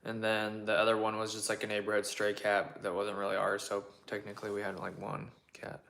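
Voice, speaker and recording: A young man hosting a casual question-and-answer chat from his home kitchen, relaxed and rambling with lots of fillers and hedges. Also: lowish voice, fairly quick, gravelly. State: voice partly worn from shouting days before. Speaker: channel host answering viewer questions.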